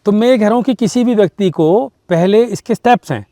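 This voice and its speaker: A man's voice: sits high, fairly quick, dark tone, no echo, clean studio sound. A man giving advice in a talk show, emphatic, acting out little dialogues and mixing in English phrases. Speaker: guest speaker.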